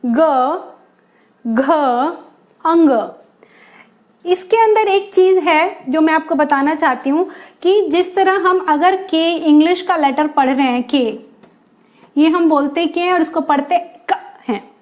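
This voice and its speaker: A woman teaching an alphabet lesson for children, explaining patiently and sounding out each letter with care. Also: high voice. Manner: patient, drawn-out pronunciation with pauses.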